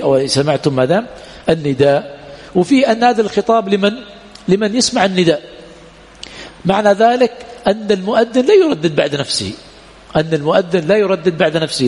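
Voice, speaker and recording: Brief: male religious teacher, rapid and gravelly delivery, drills the class with questions, long reverb in the hall. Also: high-pitched, a little mellow. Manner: asks the class questions, repeats key points. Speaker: teacher of Islamic law. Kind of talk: classroom lesson.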